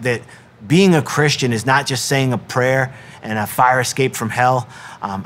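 A middle-aged man, a wrestling coach, speaks earnestly in a devotional talk at an ordinary mid pitch. He keeps pausing on ums and restarting his sentences. Now and then he slips into the voices of the people he quotes. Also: slight background noise.

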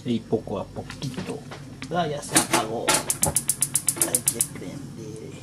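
A man whose first language is Japanese, showing how to cook at home in halting, broken Spanish and often stopping to search for words. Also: mid-range voice. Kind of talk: casual cooking demonstration. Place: home kitchen. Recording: noisy home recording.

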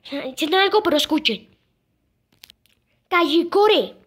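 A young girl casually presenting sound clips, pausing often and repeating "listen" and "I mean". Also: extremely high pitch, expressive, a bit bright. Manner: halting, repeats "escuchen" and "o sea". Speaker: video creator presenting moon sounds.

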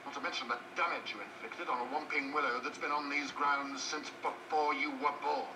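A man's voice: on the high side, steady tone, fairly quick, noisy background, natural voice. An actor playing a cold, stern male schoolmaster scolding pupils in a clipped, disdainful way, heard as distant echoey film audio.

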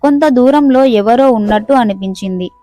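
Higher-voiced woman narrating a horror story. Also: normal speed, mellow, dry recording.

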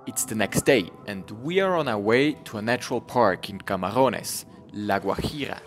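Guy doing vlog voiceover, relaxed, faint music under it. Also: fairly low pitch, normal speed. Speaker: narrator. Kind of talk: voice-over narration.

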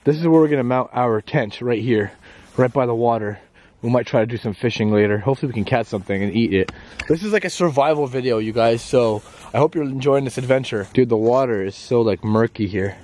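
A young man hosts an outdoor exploring vlog, talking eagerly to the handheld camera as he hikes through the woods. His voice sits at a middling pitch. The camera audio carries a steady layer of outdoor noise. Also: quick pace. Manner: excitable, talks to camera while hiking. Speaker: vlogger host. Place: outdoors in a wooded forest. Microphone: handheld camera at arm's length.

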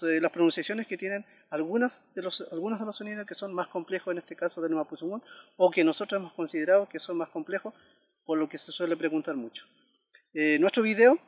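A man with a high-pitched voice teaches a language lesson at an unhurried pace. He says each example word slowly and repeats it, pausing to check that listeners follow. Small hesitations dot his explanations. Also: long reverb tail. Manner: frequent "eh" hesitations.

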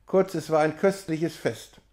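A man reads a classic novella aloud, measured and expressive. His voice sits slightly high for a man. The delivery is steady literary reading. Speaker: reader.

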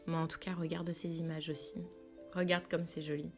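Low-set and level in tone, this woman's voice moves at normal speed. She's a French travel vlogger giving a chatty voice-over of a road trip, talking to the viewer directly in an informal, confiding way. Background music plays underneath.

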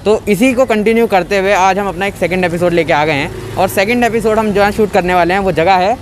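A man's voice: high-pitched, racing, slight background noise. A young man hosting a casual food review vlog, speaking through a mask in a small cafe. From India. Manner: chatty, switches into English phrases. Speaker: food vlogger.

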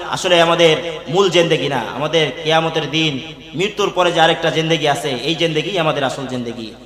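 A young man preaching a waz sermon, moving from quick plain storytelling into loud, slow chanted rises. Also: fairly high pitch. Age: young adult. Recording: echoey reverberant hall.

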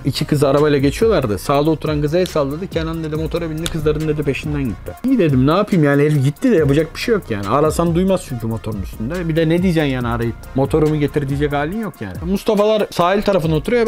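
A man's voice: fairly high pitch, darkish tone. A man casually retelling a personal story, chatty and full of fillers, acting out his friends' quoted lines. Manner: acts out friends' quoted dialogue. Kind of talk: casual anecdote telling.

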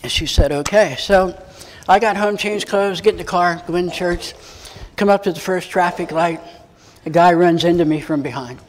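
A middle-aged American man preaching, telling a personal story in a folksy way, acting out the dialogue and chuckling as he goes. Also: sits high. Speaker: pastor. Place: church sanctuary. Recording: long reverb of a church hall.

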